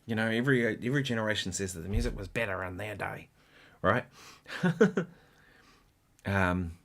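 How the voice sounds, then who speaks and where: A man hosting a casual guitar livestream, rambling in a halting way with many restarts and sometimes counting rhythms aloud. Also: on the low side, fairly bright tone.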